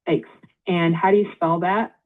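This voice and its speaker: An automated woman's voice heard over a thin, tinny phone line. She sits a little low and speaks in polite, measured, scripted prompts, carefully reading details back to the caller. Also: steady tone. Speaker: AI phone intake agent.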